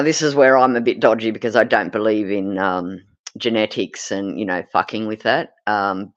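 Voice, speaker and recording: Effusive Australian woman, lo-fi sound. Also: very deep voice. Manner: effusive, chatty, swears casually. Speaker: livestream co-host. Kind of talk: casual chat.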